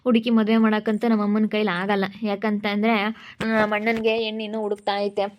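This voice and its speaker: A woman voicing an earnest, protective young village man who reassures quickly, in an amateur village skit. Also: mid-range voice, completely flat delivery, natural voice. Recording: dull lo-fi sound with faint noise.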